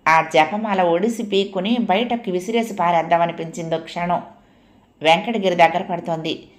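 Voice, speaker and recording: A woman's voice: lowish voice, normal speed. Woman narrating a comic story. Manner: lively storytelling. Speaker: audiobook narrator. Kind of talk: comic novel reading. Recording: roomy echo.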